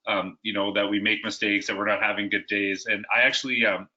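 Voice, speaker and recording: A man's voice: on the low side, level tone, fairly quick, pushed and bright, dull audio. A man who is a guest educator, telling stories in a conversational interview, often restarting his sentences.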